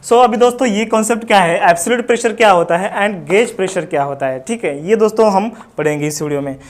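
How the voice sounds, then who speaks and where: A man's voice: high-pitched, fast talker. An Indian man teaching a physics lesson, mixing English into Hindi and asking questions that he answers himself. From Maharashtra, India. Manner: addresses students as friends, mixes English into Hindi, asks and answers himself.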